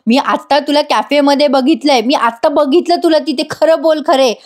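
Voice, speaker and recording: A woman's voice: high voice, moderate pace, voice pushed up, close to an everyday voice. A woman voicing an irritated, suspicious young husband who snaps out accusations. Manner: snapping, accusing.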